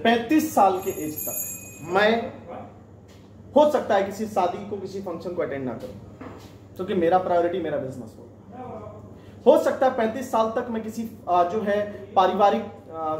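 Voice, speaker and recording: High-voiced young man quizzing a room. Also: big pitch swings, normal speed, long pauses, darkish tone, a little hiss or hum. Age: 20s. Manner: emphatic, quizzes the audience with repeated questions. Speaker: sales trainer. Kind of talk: motivational training talk. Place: meeting room in a restaurant. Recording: echoey room, mic at a distance.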